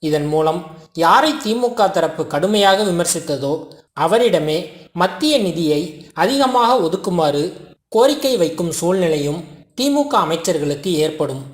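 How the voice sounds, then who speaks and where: A news narrator reading a scripted report in formal, measured phrasing. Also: medium pitch, expressive, echoey room.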